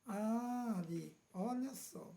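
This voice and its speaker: A woman's voice: fairly high pitch, vocal fry, warm tone. A woman with a Brazilian accent preaching a sermon, often checking in with the listener with "amen?" and "right?". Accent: Brazilian Portuguese. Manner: slow, questioning, asks "Amém?" and "né?" often.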